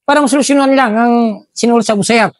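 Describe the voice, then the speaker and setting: A middle-aged man tells war stories in an animated way and acts out the voices of the people he quotes. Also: very high voice, fast, no room sound. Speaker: retired army officer telling war stories. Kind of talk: storytelling, acting out dialogue.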